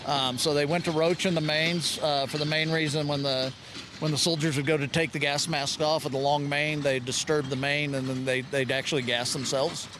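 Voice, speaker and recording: Interviewee, man, polite and factual, clear background noise outdoors. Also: a little high, level tone, normal speed. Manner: polite and matter-of-fact. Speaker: interviewee, artillery horseman. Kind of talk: interview answers. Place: outdoor rodeo arena.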